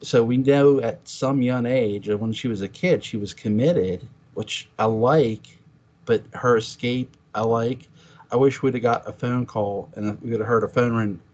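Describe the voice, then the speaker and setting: A man's voice: medium pitch, measured pace, darkish tone. A man chatting as a podcast guest, telling stories animatedly and acting out his own reactions in quotes. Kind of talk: casual chat. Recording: dull lo-fi sound.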